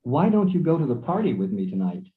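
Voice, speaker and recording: A man's voice: medium pitch, sing-song, fast talker, natural voice. A man voicing a friendly young man suggesting plans in a scripted textbook dialogue, casual and inviting. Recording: tinny audio played over a call.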